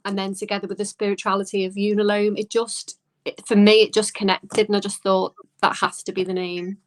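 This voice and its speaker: A woman's voice: mid-range voice, little pitch movement, fairly quick. Reflective woman guest in a casual interview. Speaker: interview guest, small business owner.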